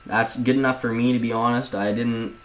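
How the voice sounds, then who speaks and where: A man's voice: mid-range voice, flat delivery, a little fast, poor audio. A young man at home casually talking viewers through a video editing tutorial, rambling and chatty, often calling them guys. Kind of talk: casual screen-recorded tutorial.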